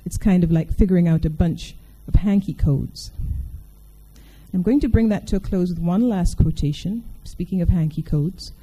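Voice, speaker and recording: Woman speaker giving a talk, wry and chatty, dark mellow voice. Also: on the low side, moderate pace, slightly rough, rough recording. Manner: wry and conversational, asks the audience questions. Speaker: speaker addressing an audience. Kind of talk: public talk with a reading from a novel.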